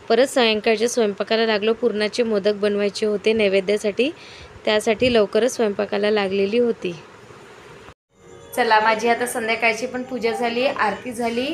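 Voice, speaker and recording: A woman's voice: mid-range voice, slight background noise. A woman in her thirties filming a casual family vlog at home, chatting to viewers and coaxing a small child. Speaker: family vlogger.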